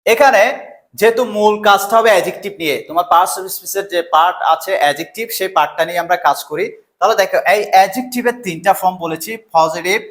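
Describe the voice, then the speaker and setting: A young man with a high voice teaches grammar to exam students. He explains patiently, step by step, and often asks a question and then answers it himself. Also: a little fast, a bit bright. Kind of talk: classroom lesson in Bengali.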